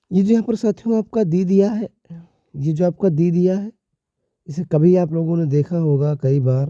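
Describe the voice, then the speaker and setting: A man teaching a slow, deliberate lesson who keeps addressing his viewers as companions. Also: on the high side, no room sound. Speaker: English teacher. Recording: dull lo-fi recording.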